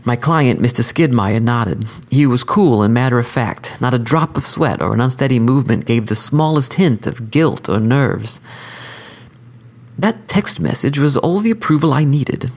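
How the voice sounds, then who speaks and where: A man telling a scripted dark comic story in a dry, deadpan narrating voice. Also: mid-range voice, normal speed.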